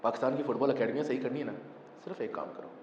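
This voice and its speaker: A man's voice: mid-range voice, fairly even intonation, very fast. Emphatic young man in an echoey room. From Pakistan. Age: 20s. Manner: emphatic, mixes English phrases, frequent "thik hai". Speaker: football club founder and coach. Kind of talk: casual interview. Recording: echoey, distant, muffled, faint hum.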